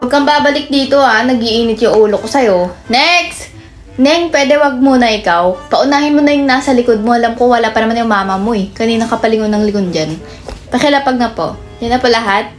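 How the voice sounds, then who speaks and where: A woman's voice: a little high, animated, brisk, over music. A woman in a comedic skit, playing a nosy, bossy store cashier who chats and scolds customers.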